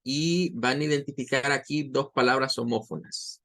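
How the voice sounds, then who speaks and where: A man teaching English pronunciation, saying each example word over and over slowly. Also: medium pitch, steady tone, sharp tone. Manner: patient, repeats words slowly for drilling. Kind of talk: online language lesson.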